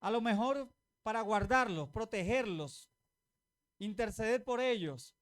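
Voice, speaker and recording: A woman's voice: a little high, lively intonation, measured pace. A woman pastor preaching a sermon, calling on the congregation to repeat after her, asking rhetorical questions and using homely, teasing examples.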